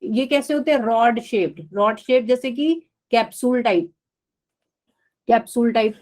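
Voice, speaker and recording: A woman's voice: a little high, measured pace, a little mellow. Hindi-speaking woman teaching biology online. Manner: repetitive, checks in with students often. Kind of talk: live online class.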